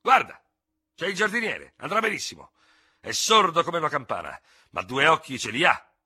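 A man reading aloud voicing a hot-headed young hussar officer, shouting and taunting his rival in fury. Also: fairly high pitch, huge pitch swings, moderate pace, slightly rough, voice pushed up, full character voice. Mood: raging, taunting. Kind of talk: dramatic audiobook reading.

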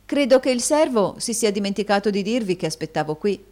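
A woman's voice: medium pitch, animated, brisk, a little mellow, voice pushed up, lightly acted. A woman reading a storybook voices a polite, composed young woman.

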